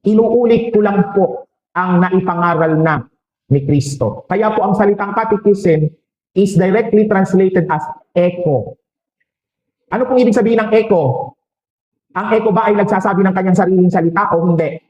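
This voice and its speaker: High-voiced Filipino priest in a roomy church. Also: male voice, darkish tone, lo-fi sound. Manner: preaching with rhetorical questions and quick jokes. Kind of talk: sermon.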